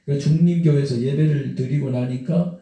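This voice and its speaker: A man slowly and earnestly telling his life story as an interview guest, full of fillers. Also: mid-range voice, mellow. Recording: echoey room, voice from a distance.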